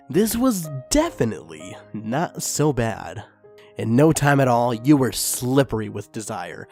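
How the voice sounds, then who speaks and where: A man with a mid-range voice reads fan fiction aloud, narrating expressively and building in intensity during the dramatic passages.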